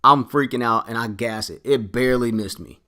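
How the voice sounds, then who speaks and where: Talking a little fast in a mid-range voice, a young adult male vlogger, late teens or early twenties, recounts a story in a relaxed way. He animatedly performs the lines, quoting what he and other people said.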